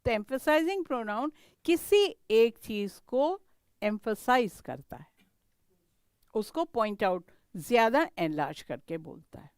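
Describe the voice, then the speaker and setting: A woman's voice: a little high, big pitch swings, measured pace, darkish tone, clean tone, dry recording. A middle-aged woman with an Indian English accent teaching a grammar lesson. She mixes Hindi and English and keeps checking whether her students understand.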